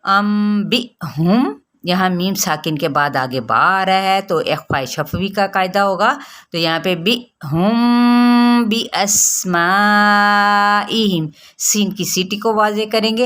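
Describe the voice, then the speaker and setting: Woman tajweed teacher, lowish voice, patient and methodical, stretches words slowly when demonstrating. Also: a bit bright. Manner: patient step-by-step explaining, drawing out recited words slowly. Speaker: Quran recitation teacher. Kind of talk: tajweed lesson.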